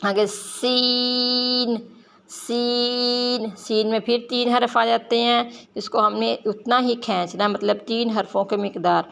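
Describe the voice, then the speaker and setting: Woman teaching letter sounds slowly. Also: a little high, fairly even intonation, creaky, fairly bright tone, smooth. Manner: drawn-out, emphatic letter sounds, explaining mouth positions. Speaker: Quran reading teacher. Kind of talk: slow, careful letter-by-letter pronunciation lesson.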